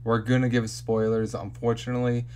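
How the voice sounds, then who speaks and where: A man hosts a casual podcast, reading the film intros and laughing easily with his co-hosts. His voice sits in a middle pitch. A faint hum runs behind him. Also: little pitch movement, fairly quick, darkish tone. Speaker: podcast host.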